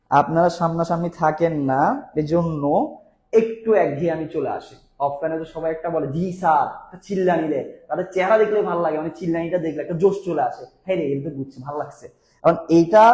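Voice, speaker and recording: A male tutor with a slightly high voice, teaching an online lesson in a chatty, coaxing manner. He repeats his key points again and again. His voice rings in a roomy, echoey space. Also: a little mellow. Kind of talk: online class lecture.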